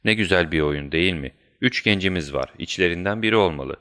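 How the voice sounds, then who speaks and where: A man voicing a shrewd, composed male detective who speaks in a measured, commanding way, in a deep voice. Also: a bit bright.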